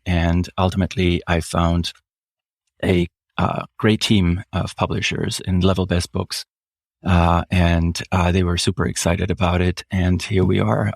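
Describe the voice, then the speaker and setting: This Swiss author, whose first language is German, gives interview answers in a deep, gravelly voice. His delivery is measured and reflective, with frequent fillers and many slowdowns, captured as clean studio audio without any room sound.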